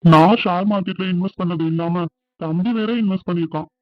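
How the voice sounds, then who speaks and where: A man's voice: sits high, steady tone, fairly quick, lo-fi sound, lightly acted. Man voicing earnest village family men. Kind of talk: cartoon dubbing.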